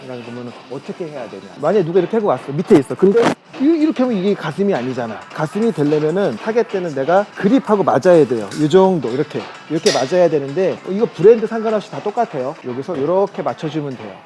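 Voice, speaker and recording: A man's voice: on the high side, big pitch swings, fast, few pauses, music in the background. A man working as a fitness coach, explaining gym machines in a casual, chatty way while demonstrating.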